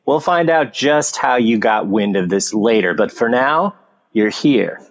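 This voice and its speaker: Man playing a surly, slow-talking tough commissioner. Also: mid-range voice, expressive, lo-fi sound. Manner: surly, slangy tough talk. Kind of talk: old-time detective radio play acting.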